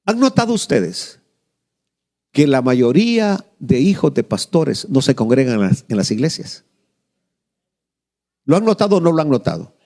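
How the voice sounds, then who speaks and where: A man's voice: medium pitch, moderate pace, pauses often. A middle-aged male pastor, preaching a sermon and telling a family story, acting out the voices and asking the congregation questions. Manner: animated storytelling, acts out quoted voices, asks the congregation questions.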